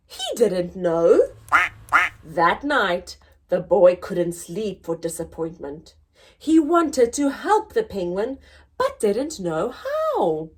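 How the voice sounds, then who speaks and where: As a story time host, a woman reads a picture book aloud to young children. Her mid-range voice is expressive and deliberate, and she draws out her words.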